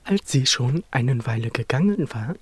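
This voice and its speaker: A narrator reading a fairy tale aloud in an expressive storytelling manner. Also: mid-range voice, moderate pace, husky, dry recording.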